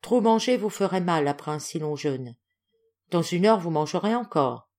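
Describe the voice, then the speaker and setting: A woman reading aloud as a calm, kindly gentleman with a gentle, reassuring manner. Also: fairly high pitch, normal speed.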